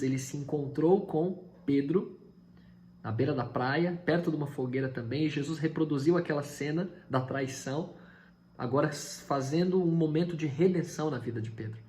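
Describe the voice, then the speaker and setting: A pastor preaching a Sunday sermon, retelling Bible dialogue with voices and building to loud, high peaks. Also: male voice, normal speed, slight background noise.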